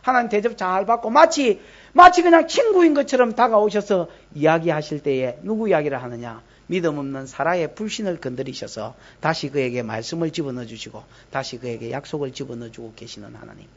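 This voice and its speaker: A woman preaching in a Gyeongsang accent, her voice leaping up and down as she teases and questions the congregation. The church recording is dull and lo-fi, with muffled highs. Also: a little fast. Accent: Gyeongsang Korean. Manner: lively, teasing, asks the congregation questions. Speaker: pastor. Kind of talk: expository sermon. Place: church service.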